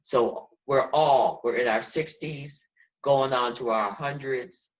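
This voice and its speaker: A woman's voice: rumbling low, takes it slowly, rough recording. A woman in her sixties talking earnestly and preachily in a casual video call discussion, as host. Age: 60s.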